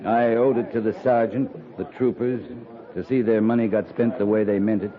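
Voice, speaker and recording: An actor playing a stern, honorable cavalry captain in a 1950s radio western, terse and formally courteous. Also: male voice, on the low side, fairly even intonation, normal speed, phone-quality sound, lightly acted. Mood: gentle, formal. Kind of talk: 1950s radio drama acting. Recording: thin, noisy 1950s radio recording.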